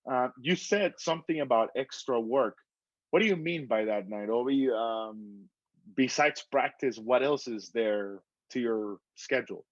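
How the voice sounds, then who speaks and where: This is a man hosting a casual interview, posing long, meandering questions. His pitch is medium and his pace a little slow. The recording is dry and lo-fi, sounding slightly dull.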